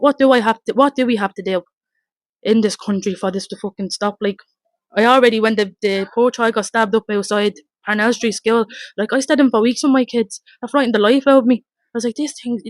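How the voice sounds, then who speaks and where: A woman with a Dublin accent giving a blunt, rapid, emotional first-hand account, swearing and re-enacting her shouts, outdoors in front of her home. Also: on the high side, no room sound. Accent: Dublin Irish. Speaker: mother telling her story.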